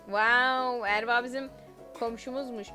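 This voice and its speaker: A woman commentating her own gameplay as a YouTuber, excitable, exclaiming and giggling often. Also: a little high, a little slow, faint music behind. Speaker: gaming YouTuber.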